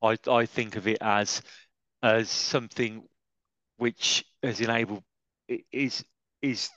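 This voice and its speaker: Low-voiced man, dull dry recording. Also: steady tone, takes it slowly, a bit bright, no room sound. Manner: self-deprecating, hesitant. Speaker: podcast host. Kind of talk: casual conversation.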